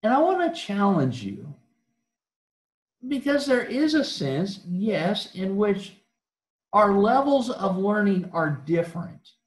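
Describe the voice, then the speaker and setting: A man's voice: high voice, very animated, takes it slowly. A man preaching a sermon in an earnest, questioning way, often restarting his phrases. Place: church auditorium. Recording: echoey church hall.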